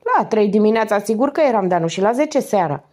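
A woman reading aloud and voicing a loud, cheeky male vagrant who talks with easy familiarity. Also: medium pitch, expressive, voice pushed up, lightly acted.

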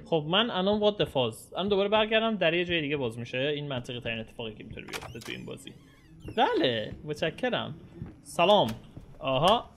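A young man hosting a horror game let's play, excitable and swearing as he talks to his viewers. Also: a little high, a little hiss or hum. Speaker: gaming channel host.

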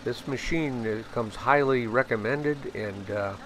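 A medium-pitched voice at a measured pace belongs to an older man from the United States hosting a machine assembly how-to. He narrates plainly, hesitating often and using many fillers, while recorded outdoors with steady background noise.

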